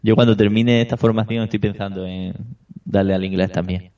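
Spanish male guest, low voice, distant dull remote line, easygoing. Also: steady tone, fairly quick, warm tone. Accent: Spain. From Spain. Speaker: podcast guest. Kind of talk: casual podcast chat.

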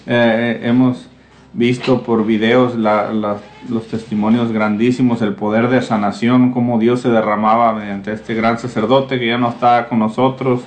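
A man hosting a religious radio show, reflecting back on his guest's story in an affirming way. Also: medium pitch. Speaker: radio host. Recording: echoey room, faint music.

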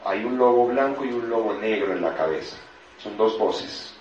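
A man's voice: lowish voice, moderate pace, slight background noise. Man, seminar speaker in echoey hall. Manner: storytelling, animated, addresses audience. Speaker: motivational speaker. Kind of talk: motivational seminar talk. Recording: echoey hall, distant dull mic.

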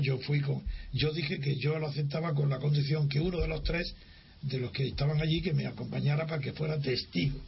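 An older Spanish man shares a personal memory in an interview, acting out the dialogue as a lively storyteller and often restarting his sentences. His voice sits on the high side and is gravelly. The lo-fi recording is dull, with a faint hiss.

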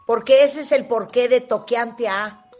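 A woman's voice: a little high, measured pace, a little mellow, soft background music. A woman, giving hesitant answers in a spelling quiz. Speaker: quiz participant.

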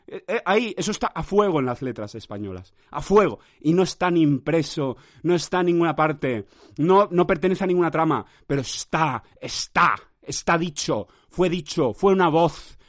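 A man's voice: a little high, lively intonation, normal speed, no echo. Tired man in a dry, theatrical monologue. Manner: theatrical, swings between mock despair and shouting. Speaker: podcast host. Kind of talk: rambling solo monologue. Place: small closed room. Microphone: handheld recorder mic.

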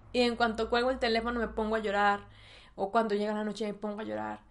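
A woman's voice: fairly high pitch, completely flat delivery, brisk. A young woman with a Mexican accent hosting a personal podcast monologue, candid and emotional, sometimes close to tears. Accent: Mexican Spanish. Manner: emotional, tearful at times, candid and slangy. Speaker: podcast host.

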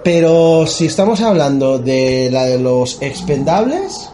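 Jokey man, mellow. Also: a little high, big pitch swings, unhurried. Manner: jokey, rambling, acts out silly voices. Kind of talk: casual comedic film review chat. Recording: echoey room with faint noise.

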